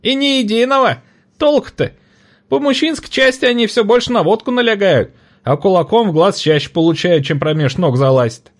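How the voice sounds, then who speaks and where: A man voicing a loud, shrill middle-aged woman trader at a market in an audiobook. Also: moderate pace, natural voice. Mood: brash shrill. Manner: shrill, brash, squealing laughter.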